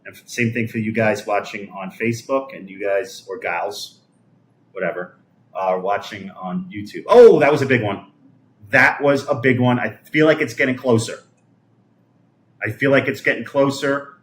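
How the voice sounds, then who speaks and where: Answering comments from viewers, this livestream host, a New Yorker in his fifties, rambles conversationally and frequently lets his sentences fade out. He talks at a normal pace in a lowish voice, with a little hiss or hum in the audio.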